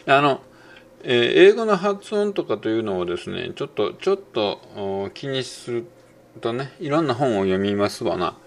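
A middle-aged man with a Kansai Japanese accent gives a casual spoken lesson on English pronunciation. He muses along with many fillers and slows right down to demonstrate words. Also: mid-range voice, sing-song.

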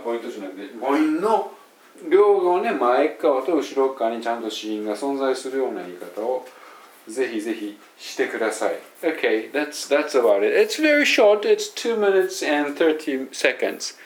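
A man's voice: mid-range voice, expressive, a little slow. A man with a Kansai accent giving an informal pronunciation lesson, explaining by saying example phrases aloud. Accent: Kansai Japanese. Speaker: English pronunciation teacher. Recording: roomy and distant from the mic.

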